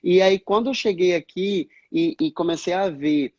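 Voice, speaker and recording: A Brazilian man with a Brazilian Portuguese accent talks through his experience in an earnest, explanatory way, often acting out old conversations. His voice is husky and sits at an ordinary pitch. The audio is dull and lo-fi, like an online call, with faint music underneath. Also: moderate pace, a little mellow, no room sound. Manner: earnest, explanatory, acts out past dialogues. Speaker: speech therapist guest. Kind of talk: livestream interview talk.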